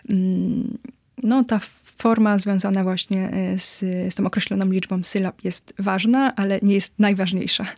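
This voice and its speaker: A woman's voice: medium pitch, darkish tone, dry recording, studio quality. A woman guest expert explaining earnestly in an interview, with frequent hesitations.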